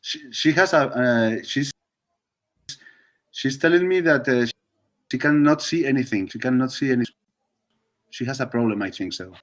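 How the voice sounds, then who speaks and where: A man's voice: medium pitch, normal speed, long pauses. Hesitant man with a Basque accent. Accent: Basque Spanish. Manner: hesitant non-native English. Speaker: film-maker guest in live chat. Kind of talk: casual live video chat. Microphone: video call.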